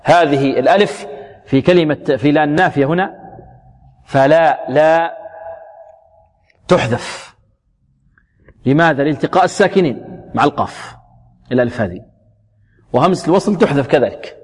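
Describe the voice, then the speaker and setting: A man teaching Quran recitation rules, slowly drawing out example words and then briskly correcting mistakes, asking his students questions and answering them himself. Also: fairly high pitch, lively intonation, slightly rough, big-room sound. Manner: slow, drawn-out demonstrations of each word, then quick corrections. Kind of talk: tajweed lesson with recited examples.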